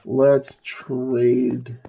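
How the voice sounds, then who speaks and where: A man with a mellow, dark voice and a gravelly edge talks himself through a video game stream. He speaks slowly and muses aloud as he plays. The mic sounds a little dull, with faint background noise. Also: mid-range voice, monotone. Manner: slow, musing, talks to himself while playing. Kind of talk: casual gameplay commentary.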